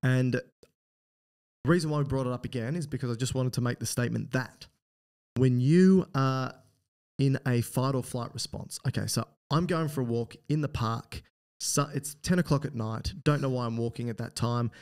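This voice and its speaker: An Australian man co-hosting a medical podcast in a loose, playful chat. His voice sits at a middle pitch, and he explains through vivid little scenarios. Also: moderate pace, darkish tone, clean tone. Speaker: podcast co-host, doctor. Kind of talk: casual educational chat.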